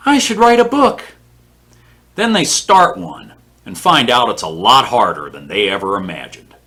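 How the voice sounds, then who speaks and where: Male, 50s, low-ish voice, brash opinionated vlogger, plain-spoken with some cursing. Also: sharp tone. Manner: blunt, scornful, profane. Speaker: author and vlog host. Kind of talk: opinionated writing advice vlog. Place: home office.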